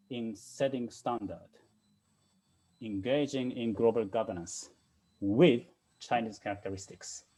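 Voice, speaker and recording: A man's voice: mid-range voice, mellow, low-quality recording. A man from Japan, speaking English as a guest lecturer and leaning on "you know" fillers between points. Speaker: guest speaker, China scholar. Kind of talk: lecture-style talk.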